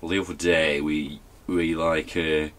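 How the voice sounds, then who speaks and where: A man's voice: extremely low pitch, level tone, measured pace. A man playing a dim, boastful young lout in a comedy interview, rambling and mumbling through fillers. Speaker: interview guest.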